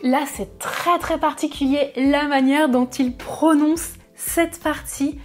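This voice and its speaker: A woman from France, a French teacher, explaining pronunciation slowly and carefully in a lesson. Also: high-pitched, steady tone, a little mellow, faint music behind.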